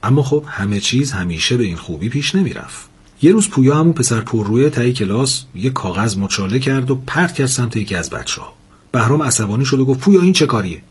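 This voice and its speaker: Very husky male storyteller. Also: mid-range voice. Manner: lively, humorous. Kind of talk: storytelling narration.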